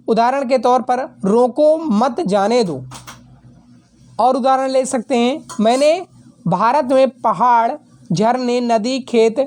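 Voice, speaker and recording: Woman, young adult, exam prep teacher, slightly high voice, steady dictating delivery, small self-corrections. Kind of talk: reading out exam answers.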